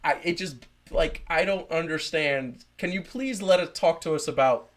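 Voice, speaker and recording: A man hosting a casual chat podcast, talking in a loose, rambling way full of ums and restarts. His voice sits a little higher than most men's. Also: moderate pace, fairly bright tone, a little hiss or hum. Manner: rambling, many fillers and restarts. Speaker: podcast host.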